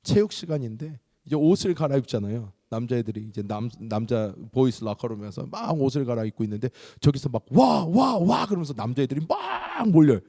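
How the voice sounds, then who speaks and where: A man's voice: mid-range voice, fast, few pauses, clean studio sound. A male pastor preaching a sermon, telling stories and acting out the voices of the people in them. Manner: animated storytelling, acting out quoted voices. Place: large church sanctuary. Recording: reverberant church hall.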